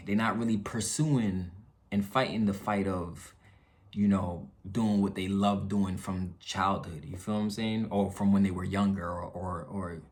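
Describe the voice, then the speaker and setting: Man, lowish pitch, casual vlog monologue, earnest, candid, slangy, repetitive for emphasis. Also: fairly even intonation, unhurried, darkish tone. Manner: earnest, repeats phrases for emphasis; candid, slangy, frequent check-in tags. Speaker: YouTube vlogger. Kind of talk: casual venting monologue to viewers.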